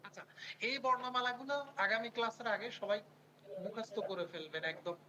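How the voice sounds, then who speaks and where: A language teacher who says each sound slowly, repeats it, and asks the students to say it back. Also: medium pitch, lo-fi sound, a crowd in the background. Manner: repeats words and prompts students to say them back. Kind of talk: online language lesson.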